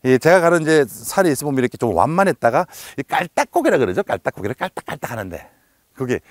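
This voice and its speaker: A man giving a humorous lecture, telling anecdotes in a lively storytelling manner and acting out the quotes. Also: medium pitch, quick pace, no room sound, clean studio sound.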